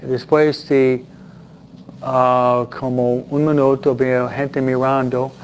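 Male priest, casual audience chat, humorous, muffled low-fi audio with light hiss. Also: little pitch movement, slow. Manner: chatty, self-deprecating humor, frequent "¿no?" tag questions. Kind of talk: informal Q&A talk with audience. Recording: dull lo-fi sound with faint noise.

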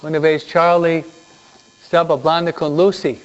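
A man's voice: fairly high pitch, normal speed. A man giving a Sunday school lesson, telling stories and quizzing the kids. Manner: animated storytelling with questions to the kids. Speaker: children's teacher. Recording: dull lo-fi recording.

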